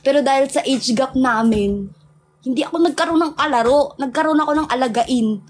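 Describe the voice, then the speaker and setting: A woman's voice: high voice, a little fast, a little hiss or hum. A young woman with a Filipino accent, chatting casually with viewers on a livestream, laughing often and mixing English in. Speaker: livestream host.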